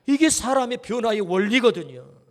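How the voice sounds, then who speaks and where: Man, pastor, lively sermon, high voice, long church reverb. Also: normal speed. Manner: animated preaching, direct questions to the congregation. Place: church sanctuary.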